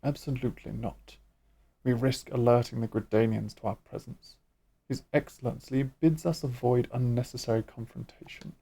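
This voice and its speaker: A man reading out a video game cutscene, voicing a sinister male imperial lord who speaks in a slow, measured, gravelly way. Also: medium pitch, steady tone, warm tone, pitched below the performer's own voice. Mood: commanding.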